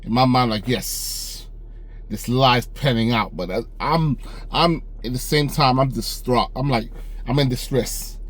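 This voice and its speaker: A young man casually telling a personal story, animated, acting out the dialogue with a raised voice. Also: medium pitch, unhurried. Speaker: storyteller vlogger.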